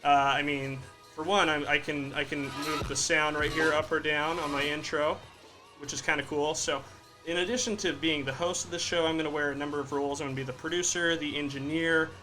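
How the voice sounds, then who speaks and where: A man's voice: on the high side, pushed and bright. A young man hosting his own podcast from home, chatting casually and rambling with lots of fillers and restarts, with a faint fan hum behind him. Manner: rambling, self-deprecating, many fillers and restarts. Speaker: podcast host. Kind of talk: casual solo livestream podcast. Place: home room in Florida with a fan running. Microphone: podcast studio microphone.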